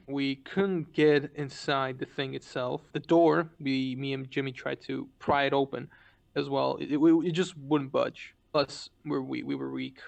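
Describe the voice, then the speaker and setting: Gravelly, rambling man telling a story. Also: medium pitch, lo-fi sound. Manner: rambling, profane, with frequent restarts. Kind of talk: casual storytime.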